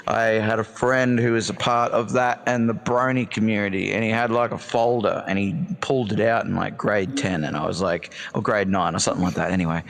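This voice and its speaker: A man's voice: on the low side, level tone, brisk, gravelly, hardly any pauses, long reverb tail. A man on a virtual-reality panel, recalling his school days in a casual way. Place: virtual reality social event.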